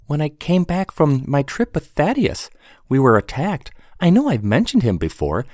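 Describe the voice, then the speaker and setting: A man lifting his voice into a lively young woman. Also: fairly high pitch, moderate pace, dry recording, studio quality, voice pushed up.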